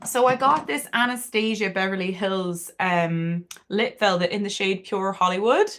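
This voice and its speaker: Doing her makeup live, a young woman from Cork speaks casually and openly, cursing freely in her Cork Irish accent. Her voice is mid-pitched with a fairly bright tone, her pace is moderate, and there is slight background noise.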